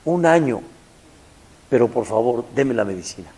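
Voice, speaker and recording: A man's voice: medium pitch, animated, normal speed, mellow, close to an everyday voice. A man voicing a poor, desperate mother who pleads, in a told story. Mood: pleading.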